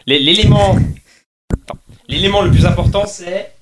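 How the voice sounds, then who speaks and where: A man's voice: sits high, normal speed, very noisy. A man hosting a casual chat, explaining things at length with frequent restarts and laughs. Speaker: podcast host presenting a game series.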